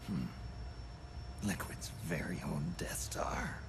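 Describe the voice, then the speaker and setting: A man playing a weary, sardonic old soldier in a video game, with a gravelly, whispery growl. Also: extremely low pitch, slow pace, noisy background, exaggerated voice. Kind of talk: scripted video game voice acting.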